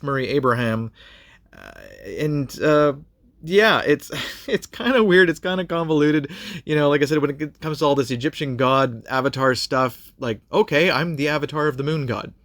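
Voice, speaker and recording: A man's voice: medium pitch, fairly bright tone, no echo, studio quality. A man giving a casual spoken review of a TV episode, rambling with many fillers and restarts.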